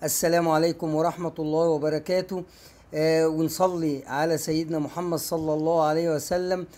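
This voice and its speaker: Egyptian teacher, man, slightly high voice, patient word drills, video lesson. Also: little pitch movement, dark tone. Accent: Egyptian Arabic. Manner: drills words slowly and repeats them. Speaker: English teacher. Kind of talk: YouTube language lesson.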